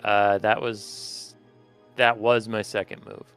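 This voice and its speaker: Slow, bright-voiced man playing a tabletop game. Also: fairly low pitch, flat delivery, clean tone. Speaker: player. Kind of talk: casual play at a tabletop game. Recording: faint music behind.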